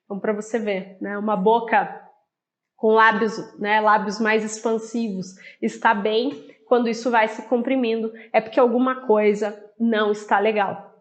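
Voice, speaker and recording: A woman's voice: on the high side, flat delivery, moderate pace. A woman with a Brazilian Portuguese accent explaining a book in a casual, conversational way, talking straight to the viewer. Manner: conversational, addresses viewer directly with fillers. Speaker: book presenter.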